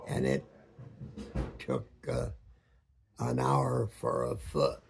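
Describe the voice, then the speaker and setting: A very old man, over a hundred, a former boat captain reminiscing in a halting way, searching for words with long pauses and many ums. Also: mid-range voice, sing-song. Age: over 100, very old man. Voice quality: very aged, gravelly, husky voice. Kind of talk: slow reminiscing storytelling.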